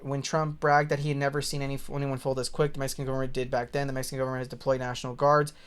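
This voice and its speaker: A man's voice: mid-range voice, level tone, rapid-fire, smooth. A man casually reading aloud and commenting on the news as a streamer, rambling, stumbling over words, blunt and exasperated, with swearing.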